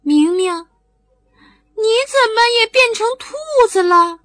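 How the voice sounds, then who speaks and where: Woman doing a squeaky little bunny. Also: animated, takes it slowly, a bit bright, no room sound, studio quality, exaggerated voice. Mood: insistent.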